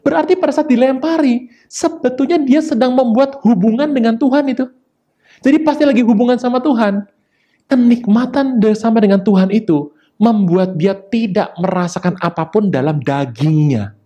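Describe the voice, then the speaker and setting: This is a pastor in mid-sermon, talking with vigor; his emphasis shoots suddenly upward, and he tosses in fast asides along the way.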